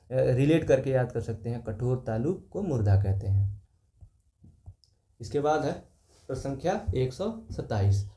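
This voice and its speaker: A man's voice: mid-range voice, mellow. A male teacher reading exam questions aloud and explaining the answers step by step, repeating key terms and pointing things out on the page. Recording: echoey room.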